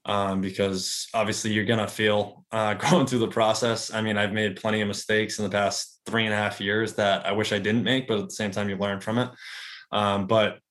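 A man in his early thirties, a real estate agent and investor, talks casually as an interview guest in a relaxed, rambling way with many fillers and restarts. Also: lowish voice, normal speed. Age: 30s.

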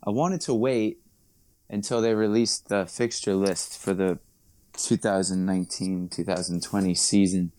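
A man, chatting as a guest in a casual interview, rambling and correcting himself with quick laughs. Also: sits low, fairly even intonation, warm tone. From Long Island, New York. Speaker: musician guest.

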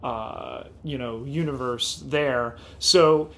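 A man's voice: mid-range voice, slow, creaky, sharp tone, slight background noise. A man with a mid-range voice co-hosts a casual podcast. He strings his thoughts into long, enthusiastic run-on sentences. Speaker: podcast co-host.

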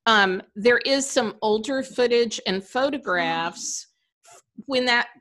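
A woman chats casually as a podcast co-host. Her voice is fairly high and quite bright, with a forward edge. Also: slow. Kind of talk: casual chat, personal anecdote.

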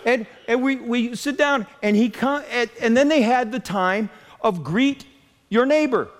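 Animated high-voiced man preaching in a hall. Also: measured pace. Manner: animated, jokey, acts out quoted voices. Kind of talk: humorous sermon storytelling.

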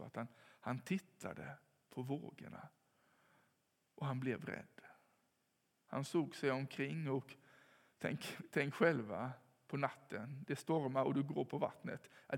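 A man giving a sermon in a calm, reflective way, with pauses and rising emphasis. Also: medium pitch, creaky. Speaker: preacher. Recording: long hall reverb.

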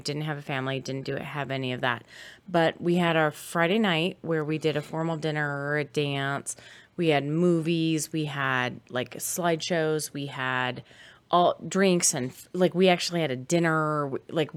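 A tired woman co-hosting a casual chat, telling stories with many fillers. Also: sits low. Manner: chatty, storytelling, many fillers. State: tired from little sleep.

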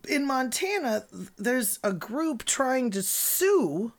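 A woman's voice: high-pitched, slow. A woman co-hosting a podcast in casual chat, laughing often and swearing freely. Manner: giggly, animated, swears freely. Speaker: podcast co-host.

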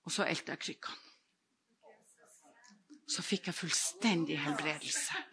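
An older woman preaching a sermon with personal testimony, fervent and swinging between loud exclamations and hushed whispers. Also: sits low, expressive, crowd noise.

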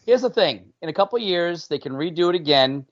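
A man's voice: fairly high pitch, lively intonation, a little fast. A man co-hosting a podcast with casual, wisecracking commentary on a film. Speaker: podcast co-host. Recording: dry, slightly dull audio.

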